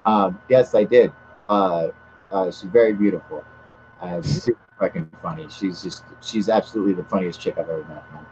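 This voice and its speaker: Excitable, swearing male stream host, animated and loud, slightly dull recording with faint hiss. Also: low voice, normal speed. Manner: profane, excitable, laughs often. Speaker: host of a live UFO stream. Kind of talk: casual live-stream chat. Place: outdoors in humid air.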